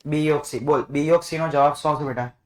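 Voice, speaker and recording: A man's voice: a little high, fairly even intonation, fast. Male teacher in an echoey classroom. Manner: coaxing, repeats questions to students. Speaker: math teacher. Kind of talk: classroom lesson.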